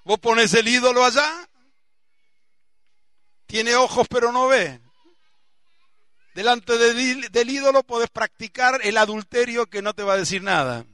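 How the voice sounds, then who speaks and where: A man with an Argentine accent preaching a sermon as pastor, emphatic, bursting into shouts on key words and dropping low for asides. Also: measured pace, long pauses, no echo, studio quality. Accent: Argentine Spanish.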